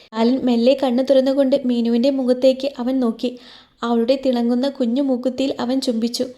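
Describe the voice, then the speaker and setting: A woman storyteller reads a romance story aloud in a soft, even way. Her voice sits a little high and sounds mellow and warm. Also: fast talker. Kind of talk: scripted narration of a romance story.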